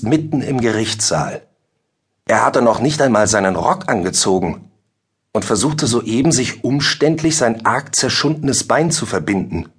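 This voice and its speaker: A man narrating a classic story for children in a measured storytelling manner. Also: on the low side, slightly rough. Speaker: audiobook narrator.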